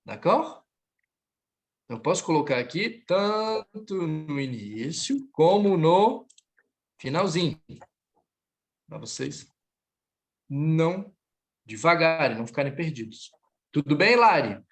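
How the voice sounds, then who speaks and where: A man's voice: on the high side, big pitch swings, takes it slowly, long pauses. A man from Brazil teaching French in a live online class, patiently drilling students and correcting them. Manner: patient, drills students, switches between languages.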